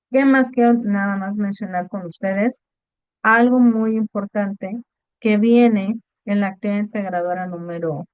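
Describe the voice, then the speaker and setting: A woman's voice: medium pitch, a little mellow, clean tone, dry recording, dull audio. A woman teaching an online class, explaining patiently and checking in with her students often. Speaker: online course tutor. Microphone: video call.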